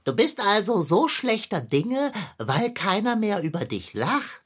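A pompous, wordy philosopher. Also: female voice, medium pitch, big pitch swings, measured pace, husky. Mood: lofty. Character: pompous long-winded philosopher, grumpy at heart. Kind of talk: children's radio play acting.

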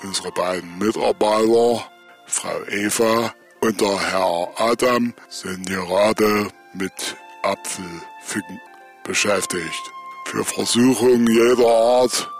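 A very deep, unhurried answering machine greeting, as a man puts it on. The formal announcement has a sly, suggestive edge. Faint music plays behind it. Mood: mock-formal. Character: answering machine message for a paradise garden, male.

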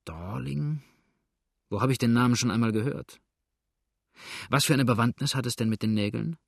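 A man reading an audiobook voices a vain, mocking younger rider, speaking a little higher than his own voice. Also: steady tone, brisk, no room sound, clean studio sound, natural voice. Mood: musing. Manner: mocking, laughing tone.

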